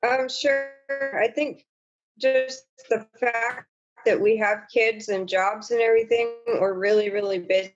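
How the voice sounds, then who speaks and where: A woman's voice: on the high side, fairly even intonation, a little slow, highs cut off, soft background music. A young woman, a church group member, speaking hesitantly over a video call whose audio glitches, warbles and breaks up. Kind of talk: casual video-call discussion.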